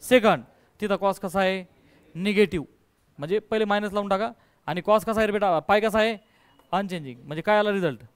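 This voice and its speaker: A man's voice: high voice, a little fast, smooth, no room sound. A male math teacher giving a call-and-response lesson, coaxing and quizzing his students and mixing in English terms. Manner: coaxing, quizzes students, calls them dear.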